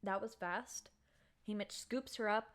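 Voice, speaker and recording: Chatting to her camera, a woman with an unhurried, medium-pitched voice gives a slangy spoiler review of a book. Her storytelling is animated, and the sound comes from the camera's own mic.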